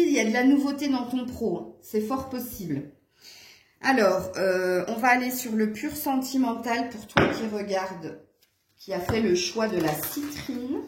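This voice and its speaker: A woman with a slightly high voice gives a casual tarot reading to her viewers. She talks in a chatty, meandering way, full of hesitations and fillers. Her voice rings in a noticeably echoey room. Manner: chatty, hesitant with many fillers, occasional laughs. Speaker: tarot reader.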